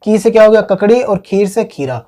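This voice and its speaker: Drilling male teacher with a mellow voice. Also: sits high, animated, a little fast. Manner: repetitive question-and-answer drilling. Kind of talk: exam-prep lesson with memory tricks.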